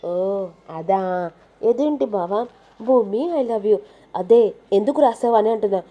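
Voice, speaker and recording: Playful young wife, woman doing the voice, teasing, mellow dark tone. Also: mid-range voice, measured pace, lightly acted.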